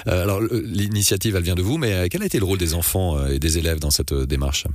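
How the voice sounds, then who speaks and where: A man's voice: low voice, fast, darkish tone, no room sound. A man, a radio host interviewing a guest, speaking with frequent fillers. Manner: hesitant, many fillers.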